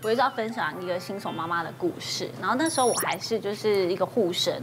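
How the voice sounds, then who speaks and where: Rapid, animated woman nurse. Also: over music. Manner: animated, jumps to a shrill pitch when quoting. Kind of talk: anecdote on a TV talk show.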